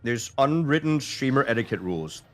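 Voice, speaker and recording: A man co-hosting a live stream, chatting casually in a relaxed, teasing way. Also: medium pitch, fairly quick. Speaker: guest co-streamer.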